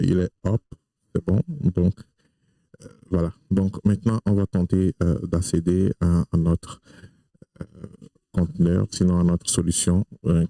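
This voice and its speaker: A man with a very low, dark voice talks through a screen-recorded tech tutorial, full of fillers and restarts. He is not a native French speaker. His gravelly tone is recorded close on a desk mic in a dry room. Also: dry recording, rough recording. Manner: hesitant, many fillers and restarts.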